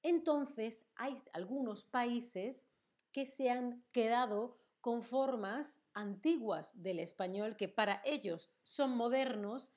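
A woman's voice: a little high, slow pace, a little mellow. A woman from Spain with a Spain Spanish accent, teaching Spanish on a live stream in a chatty way, reading chat messages aloud and often checking in with the viewers. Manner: chatty, reads chat aloud, tag questions. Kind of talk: live-streamed language lesson.

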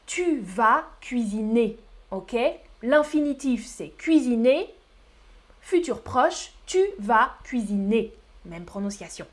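A woman from the Paris region teaching French pronunciation in a live online lesson, speaking with a Parisian accent and repeating each example slowly and carefully. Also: on the high side, expressive. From Paris region, France.

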